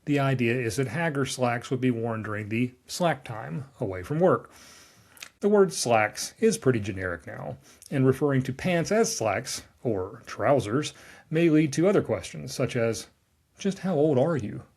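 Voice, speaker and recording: A man's voice: mid-range voice, lively intonation, moderate pace, a little mellow. A man, a lawyer reading a scripted explainer with wry, dry asides. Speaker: trademark lawyer recapping a newsletter.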